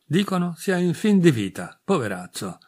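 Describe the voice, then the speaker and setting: A man's voice: fairly high pitch, moderate pace, pitched above the performer's own voice. A man doing a gossipy nosy woman neighbor. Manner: chatty, prying, lively.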